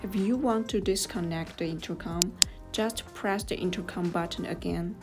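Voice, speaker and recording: A woman with a lowish voice narrates a tutorial, reading scripted step-by-step instructions in a measured, neutral manner. Music plays in the background.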